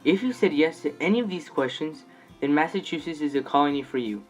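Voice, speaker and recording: A man presents a scripted promotional pitch in the manner of an infomercial. His voice sits a little higher than most men's. Faint music plays underneath. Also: animated, a little fast, rough recording.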